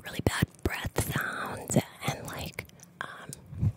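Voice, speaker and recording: Here a woman acts as host for an ASMR session, her breathy whisper pressed close to the microphone. She lingers, stretches her words out, and often repeats them in long strings.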